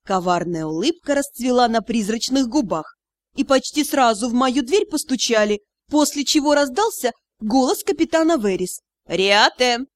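Женщина читает аудиокнигу ровно и размеренно. Голос выше среднего. Сухая запись без эха, микрофон вплотную. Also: female voice, fairly high pitch, expressive, normal speed, no room sound. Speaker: audiobook narrator. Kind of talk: scripted audiobook narration.

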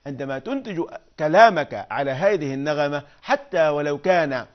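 A man teaching poetic meter, explaining patiently and chanting verses and meter syllables slowly. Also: a little high, animated, lo-fi sound. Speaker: Arabic prosody teacher.

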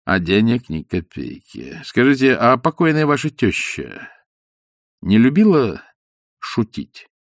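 A man's voice: mid-range voice, very animated, a little slow, creaky, no room sound, clean studio sound, heavily acted. A man voicing a stern, cocky con man who talks in curt, commanding phrases. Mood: dry.

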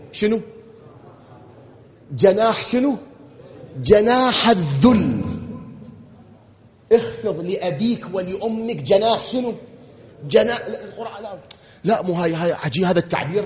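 A man with an Iraqi Arabic accent preaching a sermon, animated and full of rhetorical questions, swinging from loud outbursts to quiet asides. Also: high voice, roomy sound, long reverb tail, dull audio. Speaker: religious preacher.

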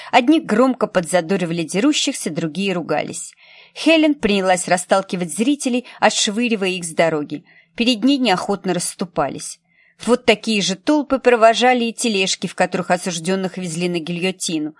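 A woman narrating a novel in a measured storytelling manner, recorded close to a studio mic. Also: mid-range voice, no echo. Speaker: audiobook narrator. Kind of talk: scripted narration.

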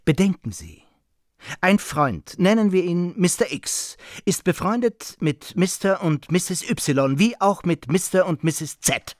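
A man's voice: high voice, lively intonation, unhurried, no echo, clean studio sound. An actor playing a pompous, aggrieved man who lectures and accuses in a radio drama. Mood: lecturing. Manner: insistent, lecturing, pedantic. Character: pompous aggrieved middle-aged man, hectoring. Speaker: Edgar Morgan, aggrieved host.

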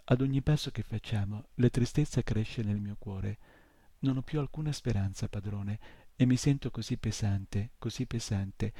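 A weary little horse who has given up, speaking softly and heavily with sorrow, as a man reads him aloud. The voice is low and dark, with a gravelly edge. It sounds close and dry, with no room around it. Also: normal speed, no room sound. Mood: sorrowful. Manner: soft and heavy with sorrow. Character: small despairing male horse, weary and sad. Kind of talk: audiobook reading.

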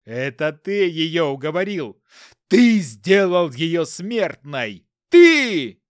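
A man voicing a furious male inspector who shouts accusations, his voice shaking with rage. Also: on the high side, big pitch swings, extremely slow, no room sound, clean studio sound, heavily acted. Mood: enraged shouting.

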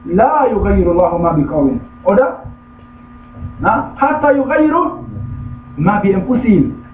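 A man with a very high voice preaches emphatically and keeps checking in with his listeners. He sounds distant from the microphone in an echoey room. The recording is thin and phone-like, with a faint hum underneath. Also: big pitch swings, normal speed. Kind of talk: religious lecture. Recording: tinny, echoey room, far from the mic.

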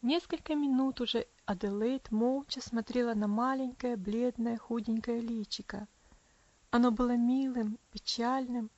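A woman narrating a sentimental story in a soft, measured manner. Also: fairly high pitch, no room sound, muffled recording. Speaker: audiobook narrator. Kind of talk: scripted narration of a sentimental novel.

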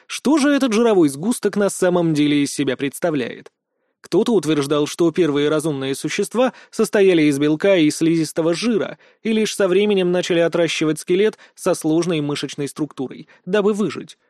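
A man's voice: high voice, darkish tone, dry recording. A man giving first-person audiobook narration in a dry, sardonic manner.

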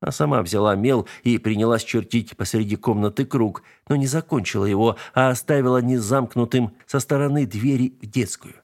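A man reading a story aloud as narrator, in a steady, expressive manner. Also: mid-range voice, moderate pace, hardly any pauses. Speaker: audiobook narrator.

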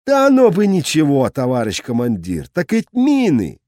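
A man's voice: a little high, wildly swooping pitch, normal speed, vocal fry, a little mellow, dry recording, studio quality, voice pushed up, exaggerated voice. A man doing a folksy old-school sergeant major. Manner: homely, plain-spoken soldier talk. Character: folksy, good-natured male army sergeant major. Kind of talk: audiobook character voice.

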